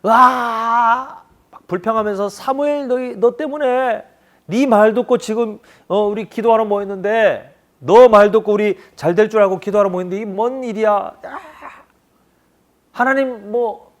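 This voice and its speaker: A man's voice: extremely high pitch, steady tone, slow pace, pushed and bright, pitched above the performer's own voice, heavily acted. A man acting out a frightened ancient crowd in a whiny, complaining voice during a sermon.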